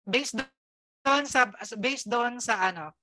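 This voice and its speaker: A woman's voice: fairly high pitch, takes it slowly, pushed and bright, slight background noise. A woman with a Filipino accent teaching an online exam review, explaining loosely with many fillers and often checking whether the class follows. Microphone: close mic, online class.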